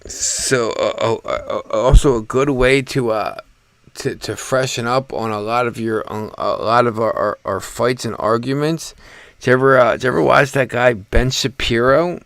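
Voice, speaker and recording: A man from the United States hosting a live stream, talking in a relaxed, halting, rambling way about the news. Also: mid-range voice, no room sound. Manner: laid-back, halting and rambling. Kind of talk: casual political chat.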